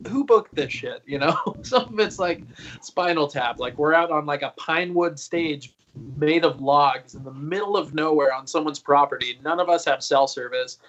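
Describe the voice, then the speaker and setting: A man's voice: mid-range voice, fairly bright tone, lo-fi sound, slight background noise. A man in his early thirties talking loosely on a video call, rambling, swearing and laughing as he tells stories. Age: 30s. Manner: rambling and laid-back, swears freely, laughs often. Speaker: guest singer. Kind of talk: casual interview chat.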